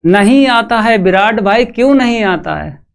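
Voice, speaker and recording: A man's voice: high voice, lively intonation, measured pace, vocal fry, clear, resonant tone. A man teaching maths in a live online class, walking students through each step and putting questions to the chat. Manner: calls students "bhai".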